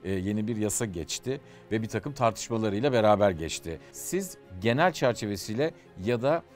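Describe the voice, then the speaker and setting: A male interviewer who asks his questions haltingly, with filler sounds between words. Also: fairly low pitch, animated, soft background music.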